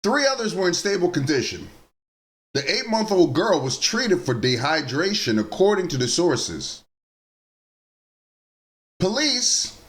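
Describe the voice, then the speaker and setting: A man who hosts a news commentary vlog, reading reports aloud and breaking off into blunt, informal asides to viewers he calls his nieces and nephews. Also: fairly high pitch. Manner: reads the reports, then adds blunt personal asides.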